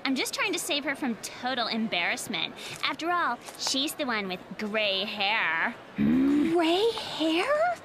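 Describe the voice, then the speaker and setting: A woman's voice: a little high, big pitch swings, a little slow, background noise. A woman playing a snide, catty young cartoon rival. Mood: scornful.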